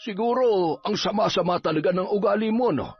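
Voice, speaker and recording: A man voicing a grumbling, teasing middle-aged village folk healer, gruff and nagging with comic moments. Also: high-pitched, a little fast, pitched above the performer's own voice. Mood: scolding. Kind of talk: Filipino audio drama acting. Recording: dull lo-fi with faint music.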